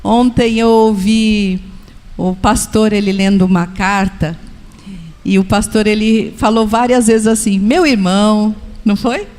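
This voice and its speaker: A woman's voice: medium pitch, fairly even intonation, unhurried, darkish tone. Brazilian woman preaching personally in a hall. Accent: Brazilian Portuguese. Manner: personal, asks listeners questions. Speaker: church speaker. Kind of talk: sermon-style teaching. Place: church hall at a congress. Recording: echoey hall with long reverb.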